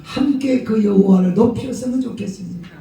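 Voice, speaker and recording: Gyeongsang-accented man, storytelling preacher, dark gravelly tone, booming hall echo. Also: brisk, distant mic. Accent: Gyeongsang Korean. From Gyeongsang region of Korea. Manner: lively storytelling preacher, acts out quotes. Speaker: pastor. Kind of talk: sermon. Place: prayer retreat hall. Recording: very echoey hall, voice from off the mic.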